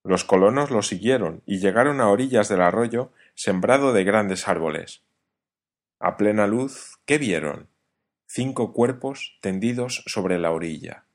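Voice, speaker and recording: A man narrating a novel as an audiobook, in a measured storytelling reading. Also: fairly low pitch, lively intonation.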